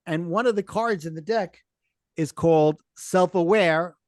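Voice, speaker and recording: A middle-aged man speaks in a Brooklyn accent with a fairly high-pitched voice. He sounds earnest and explanatory, like a coach talking in an interview, and the sound is dry and close. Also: unhurried, darkish tone, dry recording. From Brooklyn, New York. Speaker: podcast guest, life coach and author. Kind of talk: conversational interview, personal storytelling.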